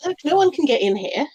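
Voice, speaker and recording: A woman playing a tabletop game, speaking gently and thinking out loud as she acts out her character. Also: high voice, muffled recording. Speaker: player. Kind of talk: tabletop role-play.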